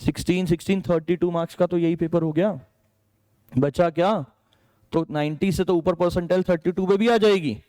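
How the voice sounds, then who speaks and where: High, clear-voiced Indian maths teacher. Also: male voice, steady tone, normal speed, warm tone. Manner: chatty, checks in with "ठीक है", calls students "बेटा"; mixes English subject terms into Hindi. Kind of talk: exam strategy lesson.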